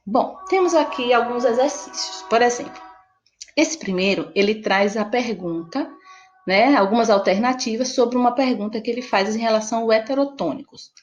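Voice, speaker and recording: A woman's voice: on the high side, normal speed, dull audio, faint music behind. A woman with a Brazilian Portuguese accent teaching a Spanish vocabulary lesson, explaining patiently and checking in with her listeners. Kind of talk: online lesson.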